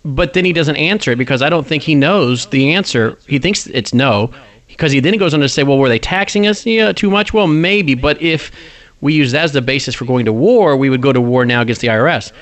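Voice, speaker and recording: A man's voice: mid-range voice, fairly quick, fairly bright tone. A man hosting a commentary talk show, emphatic and argumentative as he rebuts a recorded clip.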